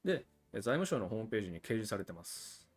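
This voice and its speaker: A man's voice: fairly low pitch, big pitch swings, fast, slightly rough, faint music behind. A man hosting a livestream about cigars, explaining things in a chatty, casual way with frequent asides to viewers. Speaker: cigar channel host.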